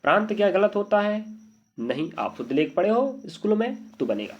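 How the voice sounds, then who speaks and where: A man's voice: sits high, sing-song, moderate pace. Man teaching a spelling lesson, lo-fi. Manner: repeated checking questions to students. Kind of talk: exam-prep Hindi spelling lesson. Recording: dull lo-fi audio.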